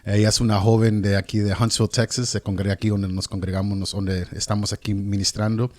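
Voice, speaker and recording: A man's voice: fairly low pitch, flat delivery, fairly quick. Man hosting a church interview. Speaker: host.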